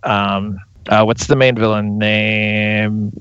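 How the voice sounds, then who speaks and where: A man's voice: lowish voice, flat delivery, takes it slowly, fairly bright tone, clear, resonant tone, no room sound, highs cut off. A man co-hosting a podcast in casual chat, joking and laughing often. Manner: giggly, joking. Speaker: podcast co-host.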